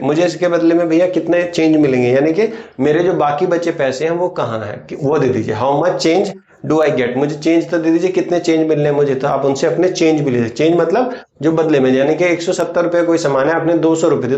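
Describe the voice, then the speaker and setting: A man with an Indian accent teaching spoken English, explaining in Hindi and saying English phrases slowly. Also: fairly high pitch, warm tone, reverberant, dull audio. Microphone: writes on a board while teaching.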